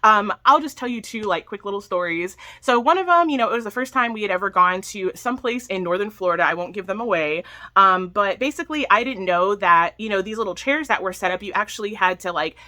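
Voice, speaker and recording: A woman in her thirties with a bright, clear voice, talking straight to her viewers. She tells her own stories casually, leaning on "you know" and "like" and laughing now and then. Her pitch sits in the middle for a woman. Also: expressive, quick pace. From Texas. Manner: conversational, many "you know" and "like", frequent laughs. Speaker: vlogger. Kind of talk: personal storytelling to camera.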